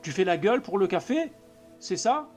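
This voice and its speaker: A man's voice: high voice, big pitch swings, normal speed, a little mellow, faint music behind, pitched above the performer's own voice. A man voicing a puzzled, uneasy young man in an audiobook reading, asking questions in a slightly raised voice.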